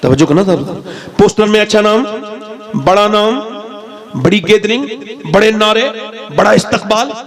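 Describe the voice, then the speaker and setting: High, gravelly man preaching fervently. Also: normal speed, pauses often. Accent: Indian Urdu-Hindi. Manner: rising to impassioned shouting, repetitive rhetorical lists. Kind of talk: religious sermon to a gathering. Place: large outdoor religious gathering.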